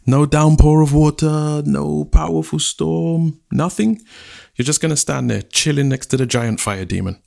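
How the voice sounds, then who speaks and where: A man voicing an exasperated, excitable male village chief who bursts into loud, squeaky exclamations. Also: moderate pace, vocal fry. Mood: incredulous.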